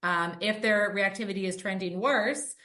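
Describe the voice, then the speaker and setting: A woman's voice: medium pitch, moderate pace, sharp tone. A woman hosting a podcast and working as a dog trainer. She talks conversationally and runs through her points with frequent "um" and "like" fillers. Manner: lists points with many "um" and "like" fillers.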